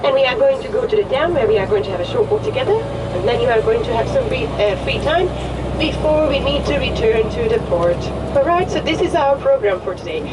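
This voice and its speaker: A woman with a Hungarian accent, a tour guide giving chatty, joking commentary on a coach, her voice a little hoarse. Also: on the high side, expressive, fairly quick. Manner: friendly, chatty, joking with the group. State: slightly hoarse. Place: tour bus. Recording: distant voice with vehicle noise.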